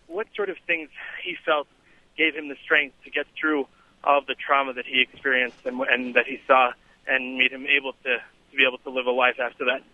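A man's voice: medium pitch, no echo. A young man calling in to a radio talk show over a clipped phone line, asking a question in a hesitant, earnest and polite way. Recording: tinny telephone call-in line.

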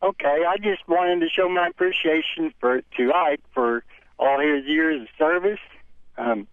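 A man calling in to a talk show over a clipped phone line, speaking haltingly with many pauses and ums. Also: a little high, dry recording. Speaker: caller.

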